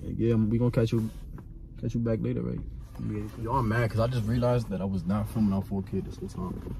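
A man's voice: on the low side, fairly even intonation, brisk, gravelly, background noise. A young man from New Jersey with a Jersey accent, chatting casually and slangily on a phone vlog from his car. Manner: slangy, laid-back banter. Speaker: vlogger. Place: parked car, then a parking garage.

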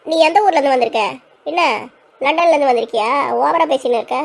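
A woman's voice: high-pitched, fast, gravelly. A woman playing a feisty, quarrelsome old grandmother in a comic village skit, scolding and threatening. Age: older. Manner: scolding, threatening, then tearful.

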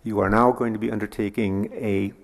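Man, executive officer, gravelly low voice, halting report, echoey chamber. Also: steady tone. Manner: measured, halting, with frequent fillers. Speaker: executive officer of a public agency. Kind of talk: reporting at a public board meeting. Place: city council chambers.

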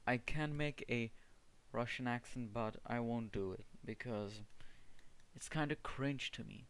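This young man from the Czech Republic, a gaming video creator with a strong Czech accent, speaks at a measured pace in a medium-pitched, slightly bright, clean voice. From his home gaming PC setup he casually narrates his play, often stopping, restarting words and searching for the right terms.

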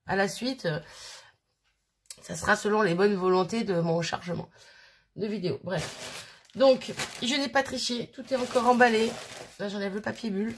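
Sniffly, gravelly-voiced woman in her thirties. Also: mid-range voice, slight background noise. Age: 30s. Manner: chatty, rambling, giggly, sniffles now and then. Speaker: crafting vlogger. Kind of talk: casual unboxing chat.

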